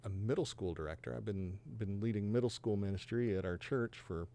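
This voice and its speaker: A man in his fifties from Georgia and Texas, USA, tells his faith testimony as a podcast guest, earnest and reflective with a touch of self-deprecating humor. His voice is lowish and warm, and he speaks fairly quickly.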